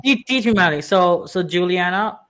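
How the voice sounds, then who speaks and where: A man co-hosting a podcast in casual chat, playful, repeating himself and spelling out phrases slowly. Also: sits high, expressive, a bit bright. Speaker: podcast co-host.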